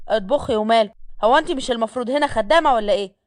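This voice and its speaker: A woman's voice: a little high, very fast, darkish tone, lightly acted. Woman playing a stern Egyptian male boss. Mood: commanding. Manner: commanding, scolding.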